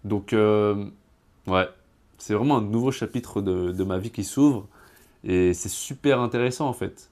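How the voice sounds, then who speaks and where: A man's voice: on the low side, unhurried, a little mellow. A man in a casual vlog monologue, chatty and familiar, speaking directly to the viewer in an earnest, reflective way. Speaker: YouTuber.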